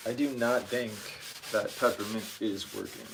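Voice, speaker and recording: A man's voice: on the low side, fairly even intonation, normal speed, vocal fry, noisy background. A middle-aged man hosting a live cooking stream from his home kitchen, rambling and self-deprecating with lots of ums. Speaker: livestream host. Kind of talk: casual live cooking chat.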